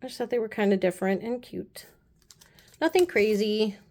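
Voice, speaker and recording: A woman's voice: lively intonation, moderate pace. Chatty woman gushing over nail supplies. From United States. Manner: chatty, gushing, often drops to soft low asides. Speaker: beauty vlogger. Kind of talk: casual nail haul chat. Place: apartment room.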